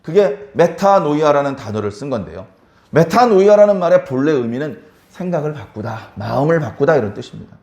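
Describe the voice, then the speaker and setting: A man's voice: a little high, lively intonation, fairly quick, darkish tone, roomy sound. A male pastor preaching a sermon, repeating key words for emphasis and putting questions to the congregation.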